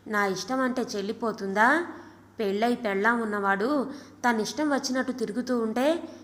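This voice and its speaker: A woman's voice: a little high, moderate pace, lightly acted. A woman reading a storybook voice for an indignant middle-aged woman friend who scolds sharply. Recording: long reverb.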